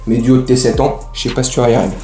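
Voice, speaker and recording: A man's voice: mid-range voice, steady tone, rapid-fire, dark tone, echoey room. A man hosting a casual football fan vlog, ranting in slangy, rambling speech. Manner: slangy, heated, rambling with restarts.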